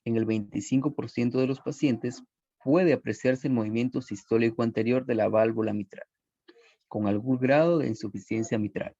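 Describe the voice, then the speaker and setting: A man's voice: mid-range voice, steady tone, moderate pace, dark tone, dry recording. A man presenting a recorded medical class, explaining steadily with fillers and small self-corrections. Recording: dull lo-fi voice recording.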